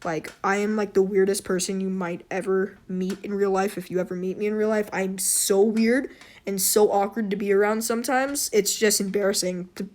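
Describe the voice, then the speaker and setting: A woman with a hoarse, slightly wheezy voice giving a casual, unscripted game tutorial in a rambling, self-deprecating, apologetic way. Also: mid-range voice, fairly even intonation, normal speed, a little mellow. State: hoarse throat. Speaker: tutorial host.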